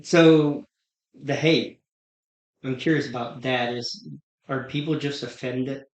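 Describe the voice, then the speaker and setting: A man's voice: medium pitch, steady tone, slow, lo-fi sound. A man with a Pennsylvania Dutch accent hosting an interview, asking curious questions in a casual chat. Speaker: host. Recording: roomy echo.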